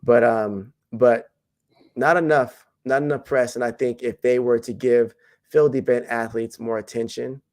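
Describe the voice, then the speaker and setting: A man who coaches jumps in track and field talks loosely in a podcast interview. His mid-range voice is unhurried, and he rambles in a relaxed way, full of fillers and restarts.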